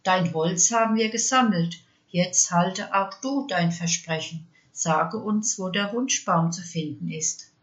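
A woman's voice: medium pitch, slow pace, lo-fi sound, lightly acted. Woman reading as a firm, weary fairy-tale king. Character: weary but brave old king, firm.

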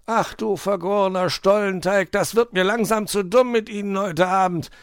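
A man's voice: high-pitched, steady tone, moderate pace, clear, resonant tone, dry recording, studio quality, voice pushed up. A man voicing a grumpy, impatient male fox in a storybook reading, grumbling and stubborn.

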